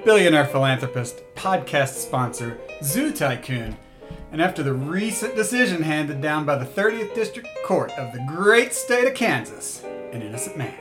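A smug, boastful billionaire tycoon pitching himself in a fake ad. His delivery is grandiose, and his pitch swoops widely. Plucked guitar music plays clearly beneath him. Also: very animated, moderate pace. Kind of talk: comedic fake radio ad. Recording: guitar music bed under voice.

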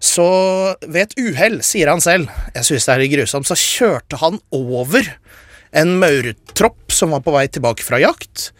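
A man's voice: a little high, expressive, fairly bright tone, no echo, studio quality. A man hosting a radio show, explaining science in a casual chat and getting carried away with enthusiasm. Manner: enthusiastic, gets carried away and talks fast.

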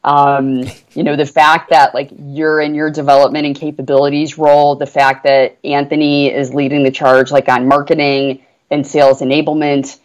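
Her voice is low, with little pitch movement and a darkish tone, and she talks at normal speed with hardly any pauses over lo-fi audio. The woman, a portfolio manager, is a guest on a business podcast, speaking about her job earnestly and eagerly while often saying "you know."

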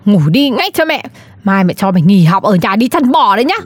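A woman's voice: mid-range voice, big pitch swings, fairly quick, soft background music, close to an everyday voice. A woman playing a nagging, scolding mother. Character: scolding middle-aged mother, nosy shopkeeper. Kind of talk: comedy sketch acting.

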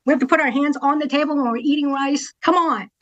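Speaking quickly in a high voice, a middle-aged woman from Texas chats candidly as a podcast guest in a relaxed interview. She's a TV news anchor who laughs a lot and keeps ending her points with "right?"

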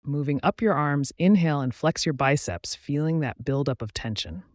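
A man guiding a relaxation meditation in a calm, soothing, measured way, giving instructions with pauses. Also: fairly high pitch, no room sound, clean studio sound. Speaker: meditation guide. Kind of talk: guided relaxation meditation narration.

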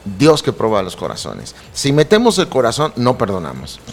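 A man's voice: medium pitch, huge pitch swings, normal speed, gravelly, a little hiss or hum. A middle-aged man, a pastor earnestly telling his personal testimony and quoting scripture. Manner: earnest, preacherly, quotes scripture.

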